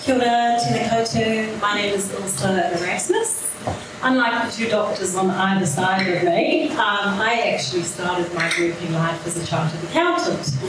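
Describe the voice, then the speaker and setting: A middle-aged woman, a health coach, giving an earnest and emphatic business pitch at an evening event. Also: normal speed. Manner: earnest, emphatic, repeats key points. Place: event room. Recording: echoey room, mic far off, noisy.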